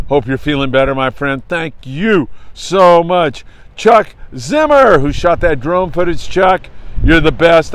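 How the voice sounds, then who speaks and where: A man's voice: on the high side, clear, resonant tone. An American man hosting an outdoor morning briefing in an upbeat, hearty, folksy and emphatic manner, like a travel show host. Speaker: host of a fishing report show. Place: outdoors on a windy beach.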